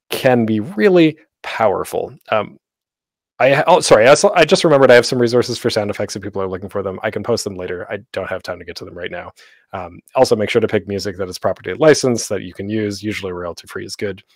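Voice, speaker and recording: For an online panel, a man with a fairly low voice hosts an informal, rambling lesson on audio drama production, frequently interrupting himself. The close, dry home recording is studio quality with no echo.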